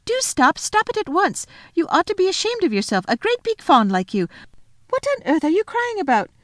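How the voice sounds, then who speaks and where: An earnest, caring young girl from a storybook, played by a woman narrator. Her voice is high and anxious, with pleading, emphatic questions and exclamations. It is recorded close and dry. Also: sing-song, moderate pace, darkish tone, dry recording. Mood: scolding.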